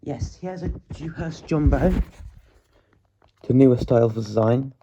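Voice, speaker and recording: A man's voice: medium pitch, animated, unhurried, highs cut off, noisy background. A man hosting a casual show-and-tell vlog, groggy from just waking up, chatty and often restarting his sentences. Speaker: hobbyist video host.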